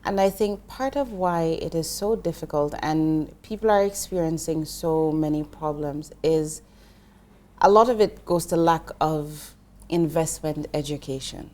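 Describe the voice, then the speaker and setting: Speaking unhurriedly in a low-pitched, dark-toned voice, this middle-aged Jamaican woman appears as an investment professional guest in an interview. She explains finance earnestly, with frequent restarts.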